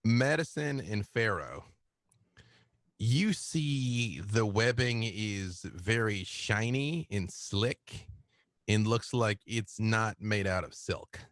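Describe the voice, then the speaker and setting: A man narrating a tabletop horror game as game master, animated and quick to jump into shouted voices for other figures. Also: fairly low pitch, no room sound, studio quality.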